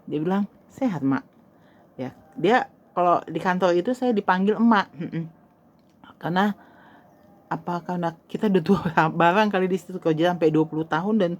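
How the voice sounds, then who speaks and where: A woman's voice: lowish voice, dull audio. An older woman casually telling a personal story, acting out what people said and dropping to a whisper at tense moments. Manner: animated, acts out quoted dialogue, drops to whispers. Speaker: storyteller host.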